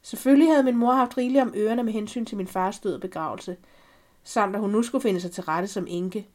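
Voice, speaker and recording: A woman reading a first-person story aloud for a podcast, calm and measured. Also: mid-range voice. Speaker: podcast reader.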